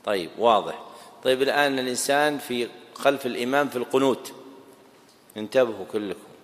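A man teaches a religious lesson at a measured, deliberate pace. He repeats key phrases and keeps checking that his listeners follow. His mid-pitched voice rings with a long hall reverb. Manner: checks understanding and quizzes students. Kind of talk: classroom lecture explaining a text.

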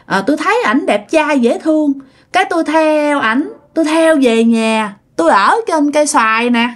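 Woman doing a shrill girlish ghost. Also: animated, normal speed. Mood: coy. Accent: Southern Vietnamese. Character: female ghost speaking through a possessed man.

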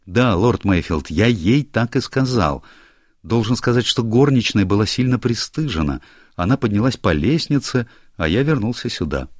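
A man's voice: on the low side, very animated, normal speed, dry recording, clean studio sound, voice pushed up. A man voicing a young, anxious male secretary who stammers and is eager to please, in an audiobook. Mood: flustered. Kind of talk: audiobook character voice.

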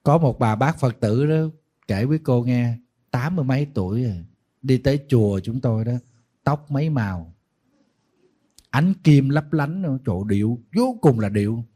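A man, a Buddhist monk, giving a sermon in a lively storytelling way, acting out the people he quotes. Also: medium pitch, moderate pace, husky. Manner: lively storytelling, animated quoting of others, folksy asides.

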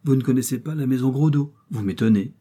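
A smug young shop clerk, as a male reader puts him on, fussy and pompous, full of overly polite salesman talk. The voice stays dark and somewhat husky. It sounds like a storybook reading. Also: medium pitch, quick pace, voice pushed up, natural voice.

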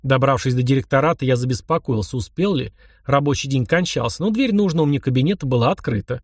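A man narrates a first-person novel in a mid-pitched voice. He tells it wryly and conversationally, close to the mic in a dry, deadened recording. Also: fast talker, husky, no echo. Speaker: audiobook narrator.

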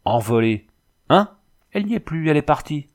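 A man's voice: fairly low pitch, animated, normal speed, close to an everyday voice. A man voicing a scheming, fearful old woman who fusses and pleads. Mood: panicked pleading. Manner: pleading, fussy. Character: scheming old female lodging-keeper, fearful and fawning.

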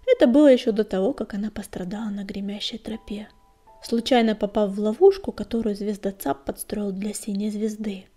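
A woman narrating a storybook in a whispery, breathy voice. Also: on the high side, dark tone. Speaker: audiobook narrator.

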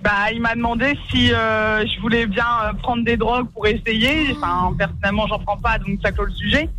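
A woman's voice: a little high, fairly even intonation, normal speed, fairly bright tone, low-quality recording. A woman from northern France phoning a radio show, telling her story casually and matter-of-factly. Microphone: phone call.

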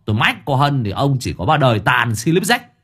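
A man's voice: mid-range voice, big pitch swings, brisk, husky, voice pushed up. A man voicing a bossy young master who nags and scolds sharply. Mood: scolding. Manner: sharp, nagging, exasperated.

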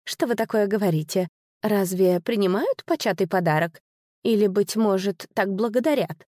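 A woman's voice: mid-range voice, moderate pace, a little mellow, no echo, studio quality, natural voice. A woman voicing a beautiful noble hostess whose sweet courtesy turns to venom, speaking with silky mockery and hidden anger. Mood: teasing.

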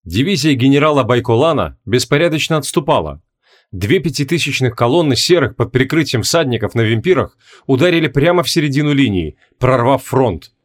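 A man with a middle-range pitch reads a fantasy audiobook aloud, narrating in a steady, measured way.

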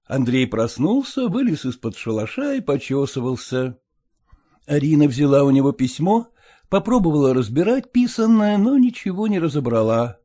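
Male narrator for an audiobook story, varied intonation, mellow timbre. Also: on the high side, sing-song, moderate pace.

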